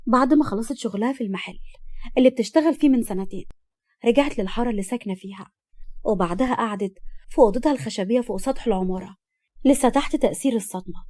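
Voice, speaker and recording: Brisk Egyptian woman storyteller. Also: a little high, warm tone, no echo, clean studio sound. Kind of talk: narrating a story.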